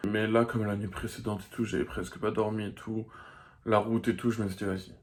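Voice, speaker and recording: Fairly low in pitch and fairly quick, this man's voice shows little pitch movement. In his twenties, he vlogs casually on a handheld phone camera, ranting with exasperation and crude swearing as he drives on the road and then walks outdoors.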